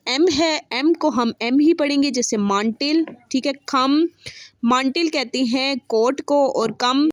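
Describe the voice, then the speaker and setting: A woman teaching an online language lesson, speaking at a very slow, deliberate pace in a fairly high voice. She repeats each example word and keeps checking in with her viewers. The sound is dry and close, with no room around it. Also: no echo. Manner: repeats words slowly and says "ठीक है" often.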